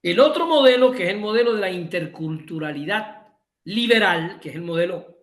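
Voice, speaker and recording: Lecturing emphatically over a video call in an echoey room, a man from Cuba speaks with a Cuban Spanish accent in a high, expressive voice at a moderate pace. He keeps repeating his points and frequently corrects himself.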